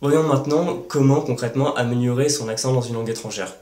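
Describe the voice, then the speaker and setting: A man's voice: medium pitch, fast talker, darkish tone, reverberant. A man hosting a language-learning lesson, explaining step by step with worked examples and frequent hesitation fillers. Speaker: language-learning channel host.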